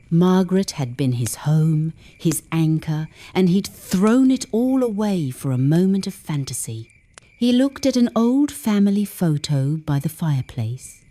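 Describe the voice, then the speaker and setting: Slow, mellow woman storyteller. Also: mid-range voice. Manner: gentle, reflective. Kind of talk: scripted narration.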